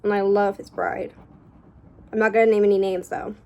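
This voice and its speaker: The lo-fi recording captures a young woman chatting as she draws for a vlog, her medium-pitched voice gravelly but warm, level in tone and at normal speed. She rambles and self-corrects, coughing slightly and remarking that she is losing her voice.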